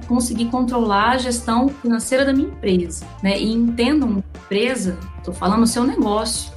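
A woman from Goiânia, an economist guest explaining finances in a conversational way, often adding little tag words. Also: a little high. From Goiânia, Brazil. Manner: conversational, frequent "né" and "então, assim". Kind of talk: explanatory interview talk.

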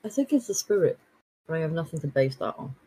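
Raspy, animated man. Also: a little high, fast, low-quality recording. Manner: animated, jumpy, teasing. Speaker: podcast guest. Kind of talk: casual gaming chat.

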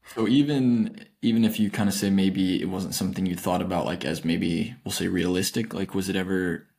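A man's voice: sits low, steady tone, a little fast, gravelly, darkish tone, husky. A man hosting a podcast, asking questions casually and hesitantly, restarting phrases often. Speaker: podcast host.

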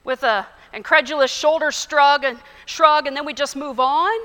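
A woman pastor preaching a sermon in a church, earnest and measured, telling stories. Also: high-pitched, pushed and bright, in a large hall. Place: church sanctuary.

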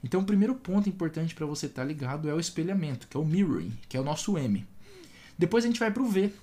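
A man's voice: fairly high pitch, big pitch swings, fast, dark tone. A man giving a casual spoken lesson on communication, talking straight to the listener and acting out short example dialogues. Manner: conversational, direct address with frequent "tá?" and "entendeu?". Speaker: communication coach.

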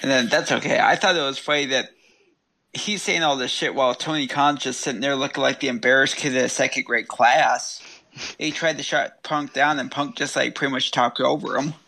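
Gravelly man chiming in casually. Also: mid-range voice, steady tone, brisk, bright, forceful tone. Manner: laid-back, agreeing. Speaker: podcast co-host. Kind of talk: casual chat.

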